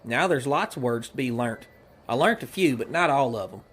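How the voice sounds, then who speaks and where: A male actor voices a cheery, simple-minded young outlaw sidekick in a comedy audio drama, rambling with proud innocence in a folksy rural Western American drawl. His medium-pitched voice is animated and a bit bright, moving at normal speed.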